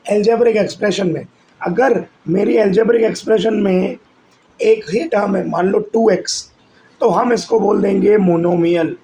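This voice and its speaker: A male math teacher giving a lesson who keeps asking students questions and answering them himself, and who switches between Hindi and English as he dictates slowly from the board. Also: high-pitched, mellow, rough recording. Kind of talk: classroom-style lesson.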